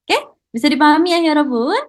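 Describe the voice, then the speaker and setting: High-pitched woman teaching an online class. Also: rapid-fire. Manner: encouraging, mixes Korean praise into Indonesian. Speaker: Korean language teacher.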